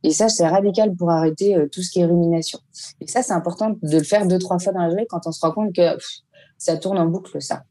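A woman teacher casually explaining a mindfulness exercise step by step, pausing often to search for words. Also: fairly low pitch, dark tone. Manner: explains step by step with frequent hesitations. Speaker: teacher giving mindfulness advice.

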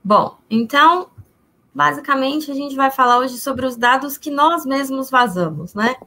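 A woman's voice: high-pitched, a little slow, sharp tone, slight background noise. A woman with a Brazilian accent speaking as a guest expert, explaining things informally and in simple terms.

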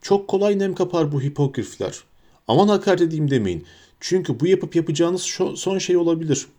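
A man voicing a huge, cheerful and kindly male gamekeeper with a booming, hearty way of talking. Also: expressive, brisk, dark tone, lightly acted.

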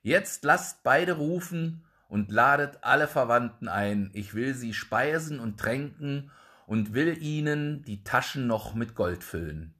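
A man voicing a confident young craftsman son in a calm, measured way, close to his own voice. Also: medium pitch. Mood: firm.

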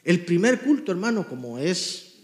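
A man preaching a sermon as pastor, fervent and shouting at peaks, then dropping to quiet storytelling. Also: high-pitched, very animated, moderate pace, roomy sound.

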